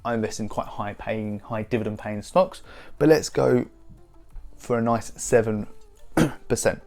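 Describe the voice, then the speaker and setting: Casting note: man, 30s, low voice, chatty rambling explainer, faint music underneath. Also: measured pace, vocal fry, darkish tone. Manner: rambling, frequent restarts and fillers. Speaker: investing YouTuber. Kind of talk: casual explainer to camera.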